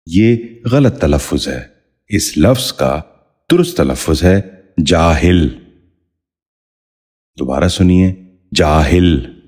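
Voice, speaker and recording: A middle-aged man reading a formal, scripted pronunciation lesson, saying each word slowly and carefully and repeating it. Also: low voice, big pitch swings, a little mellow, breathy edge. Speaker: Urdu pronunciation teacher.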